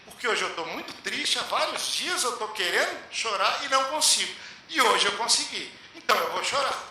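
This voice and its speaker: A grieving man speaks with sorrow and stubborn insistence, as a lecturer puts him on. The voice is high, bright and lively. A strong hall echo and a faint hiss surround it. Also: fairly quick, exaggerated voice. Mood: sorrowful.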